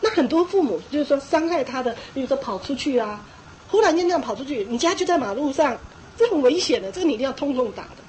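Middle-aged woman preacher, high voice, emphatic and repetitive, acts out scolding. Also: animated, fast, a little mellow, a little hiss or hum, low-quality recording. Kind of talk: sermon on parenting.

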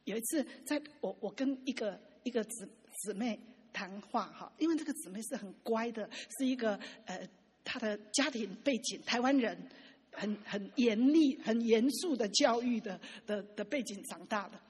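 A woman preaching a sermon, telling stories with lively acted-out dialogue. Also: fairly high pitch, normal speed, breathy edge. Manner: lively storytelling, acting out quoted dialogue. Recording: long hall reverb.

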